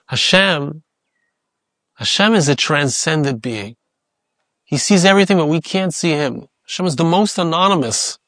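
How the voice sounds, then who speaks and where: Man with a fairly high voice, giving a sermon. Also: a bit bright, no room sound, studio quality. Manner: reflective, repeats key phrases. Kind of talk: Torah sermon.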